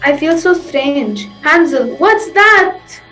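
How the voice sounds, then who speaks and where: A worried, naive little girl, played by a woman, speaks in a high voice. It is comic fairy-tale stage acting over faint music. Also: expressive, slow, sharp tone, exaggerated voice, poor audio.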